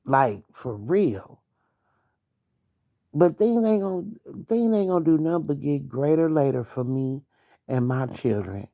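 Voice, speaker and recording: A woman's voice: low voice, lively intonation, measured pace, long pauses, warm tone. A young adult woman hosting a late-night podcast, venting bluntly about her ex, swearing and talking straight at him. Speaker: podcast host.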